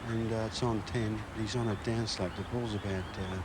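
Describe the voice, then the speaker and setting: A man giving measured on-course golf commentary, describing conditions in detail. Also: lowish voice, fairly even intonation. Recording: noisy outdoor on-course broadcast feed.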